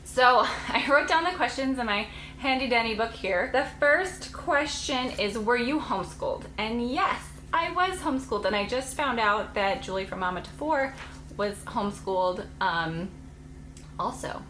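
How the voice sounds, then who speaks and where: Chatty young mom in an echoey room. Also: female voice, on the high side, animated, moderate pace, sharp tone, a little hiss or hum. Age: late 20s. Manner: chatty, rambling, laughs often. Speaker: homeschooling mom vlogger. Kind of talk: casual chat to camera.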